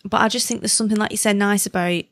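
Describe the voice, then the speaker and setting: A woman's voice: medium pitch, fairly even intonation, racing, fairly bright tone, no room sound, clean studio sound. A woman in casual podcast chat, rambling informally and correcting herself as she goes. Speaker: podcast participant.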